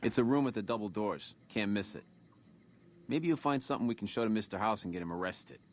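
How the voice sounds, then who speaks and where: A man's voice: lowish voice, lively intonation, fast, close to an everyday voice. An actor playing a tough casino henchman who talks in old-timey jive slang. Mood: gruff. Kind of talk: video game voice acting.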